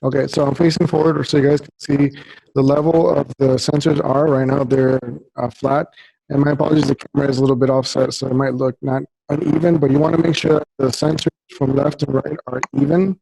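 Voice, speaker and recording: A man co-hosting a live online tutorial over a remote call, his microphone audio crackling and distorted, talking in a halting way with frequent fillers and restarts. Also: mid-range voice, level tone, vocal fry, dark tone, husky. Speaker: co-host demonstrating motion-capture suit setup.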